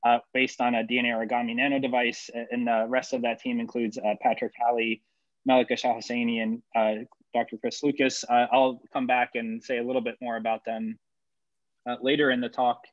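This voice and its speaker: A man's voice: medium pitch, level tone, fairly quick, dry recording, lo-fi sound. A man from El Salvador who grew up in Ohio, giving a conference talk over a video call, with many fillers and repeated words. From El Salvador, raised in Ohio. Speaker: engineering professor presenting research.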